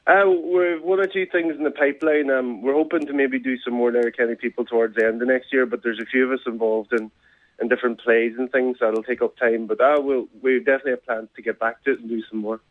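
A man's voice: mid-range voice, steady tone, fast, no echo. A man chatting casually as a radio interview guest. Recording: tinny phone line.

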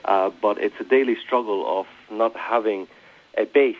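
Earnest Palestinian man, low voice. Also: normal speed, dull audio. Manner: earnest, passionate, many restarts. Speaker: guest, event organiser. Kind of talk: radio interview.

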